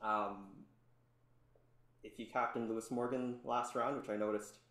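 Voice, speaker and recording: A man talking as a podcast guest in relaxed, rambling casual chat, full of ums. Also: fairly low pitch, a little slow, roomy sound. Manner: relaxed, rambling, many ums, laughs often.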